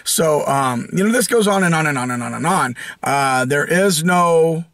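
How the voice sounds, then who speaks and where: An American channel host rambles through a casual opinion rant, sarcastic and full of restarts and fillers. His voice is a little high, animated and a bit bright at a moderate pace, recorded studio-clean with no room sound.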